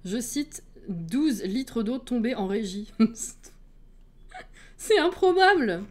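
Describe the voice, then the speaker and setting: A woman's voice: a little high, lively intonation, slow pace, mellow. A woman streamer in casual chat with her viewers, laughing often and greeting people as they come in.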